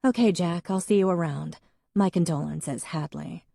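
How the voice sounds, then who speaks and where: Woman narrator as a tough young woman, sarcastic, dry delivery, low mellow voice. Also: normal speed, vocal fry, dry recording.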